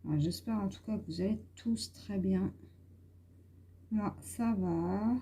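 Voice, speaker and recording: A woman's voice: mid-range voice, takes it slowly, mellow, breathy edge. A woman vlogger chatting casually and hesitantly while she colors, with many fillers. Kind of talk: casual coloring vlog chat.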